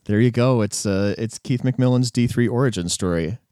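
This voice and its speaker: A man co-hosting a casual sports podcast, relaxed and chatty, with frequent fillers and chuckles. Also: mid-range voice, moderate pace, smooth, no room sound, clean studio sound. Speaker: podcast co-host.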